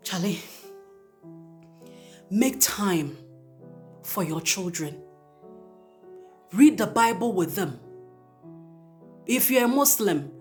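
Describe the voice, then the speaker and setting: Woman host, earnest pleading exhortation, faint music underneath. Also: a little high. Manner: earnest, pleading, emphatic repetition. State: emotional. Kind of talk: spoken exhortation to parents.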